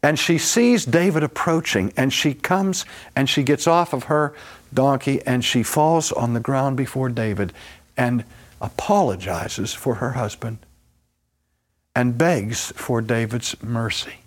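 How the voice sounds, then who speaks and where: Man preaching an animated sermon. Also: medium pitch, unhurried. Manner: animated storytelling, acting out scripture voices.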